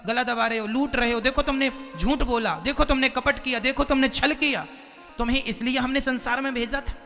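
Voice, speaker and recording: A man's voice: very high-pitched, fairly quick, creaky, bright, forceful tone, full character voice. A man voicing a stern male god of death who accuses sinners of their misdeeds. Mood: accusing. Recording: long hall reverb, faint music.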